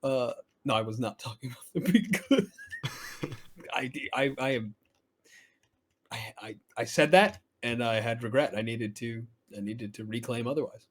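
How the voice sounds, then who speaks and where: A man chatting casually as a podcast co-host, rambling and stammering, with a dry throat he keeps clearing. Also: mid-range voice, moderate pace. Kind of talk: casual chat. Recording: faint intro music looping behind.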